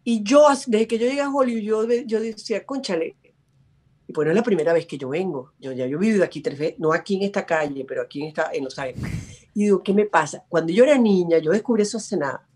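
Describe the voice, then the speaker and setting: An actress telling stories as a guest on a video call, chatty and quoting herself. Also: female voice, mid-range voice, expressive, fast talker, a little mellow, husky. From Venezuela. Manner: chatty, tells stories, acts out her own quotes. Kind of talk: casual interview chat.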